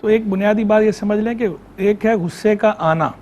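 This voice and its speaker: High-voiced man explaining religious rules. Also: a little mellow, slight background noise. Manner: measured, explanatory, repeats key terms. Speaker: Islamic scholar answering on air. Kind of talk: religious explanation on a call-in show. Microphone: remote line into studio.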